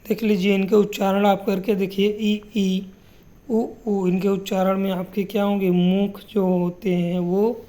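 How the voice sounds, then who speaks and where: A woman teaching a grammar lesson, asking her students questions and answering them herself, and repeating sounds slowly for them to copy. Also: medium pitch, flat delivery, dark tone.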